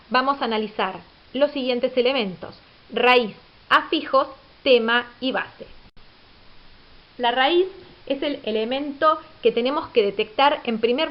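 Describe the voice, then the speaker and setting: A woman teacher giving a recorded grammar lecture, explaining patiently and asking rhetorical questions. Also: high-pitched. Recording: dull lo-fi audio.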